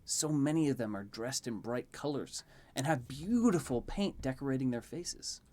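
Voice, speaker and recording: A man's voice: mid-range voice, expressive, moderate pace, a little mellow. A man narrating a tabletop fantasy game as game master.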